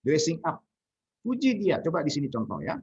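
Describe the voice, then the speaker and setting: A male lecturer explaining politeness strategies in a lively lecture, often switching into English and acting out example phrases. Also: on the high side, normal speed, husky. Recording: dull lo-fi recording.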